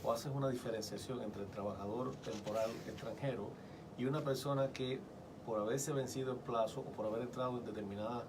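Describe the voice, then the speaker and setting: A man's voice: medium pitch, fairly even intonation, brisk, far from the mic, noisy background. A man co-hosting a radio talk show who asks probing, thoughtful questions. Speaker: radio co-host.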